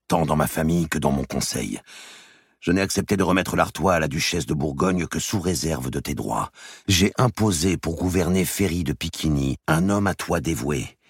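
Man doing a weary medieval king in a storybook reading, very deep husky voice, measured and grave. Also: dry recording, studio quality, heavily acted. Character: weary earnest medieval king pleading with kin.

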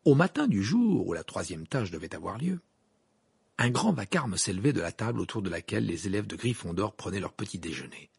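Gravelly, husky male narrator. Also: lowish voice, very animated, brisk, dry recording. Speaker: audiobook narrator. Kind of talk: scripted narration.

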